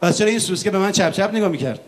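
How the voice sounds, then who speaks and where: A man's voice: high voice, animated, noisy background. A man hosting a comedy sketch on stage, playing the exasperated straight man. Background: live audience.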